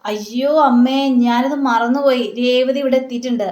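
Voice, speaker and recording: A woman's voice: high voice, fairly even intonation, normal speed, darkish tone, lightly acted. A woman reading the lines of a young husband who teases and defends himself, in an echoey room. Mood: defensive. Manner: plain retelling of a man's lines.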